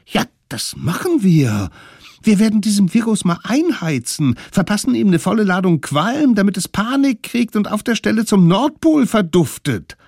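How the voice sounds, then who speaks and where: A man voicing a bunch of excited, boastful little stone-age children who shout and chant in a children's radio story. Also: fairly high pitch, slow, dry recording, studio quality, pitched above the performer's own voice. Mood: gleeful.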